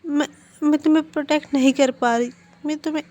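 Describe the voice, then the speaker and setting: A woman reading out a tearful, desperate mother in a retold drama, anguished and pleading, a fairly high voice lifting higher as she begs for her son's forgiveness, torn between guilt and a fierce urge to protect him. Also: steady tone, fast talker, darkish tone, close to an everyday voice.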